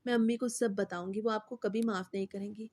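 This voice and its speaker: A woman reads out a scared young girl, begging and tearful. The voice stays mellow and low in brightness, close to the reader's own tone. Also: fairly even intonation, lightly acted. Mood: pleading. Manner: pleading, tearful. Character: frightened teenage girl, pleading.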